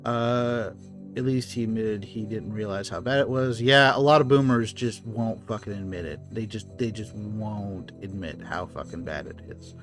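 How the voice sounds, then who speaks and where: A man's voice: fairly low pitch, moderate pace, over music. A man co-hosting a casual podcast, ranting profanely and reading chat messages aloud. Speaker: podcast co-host.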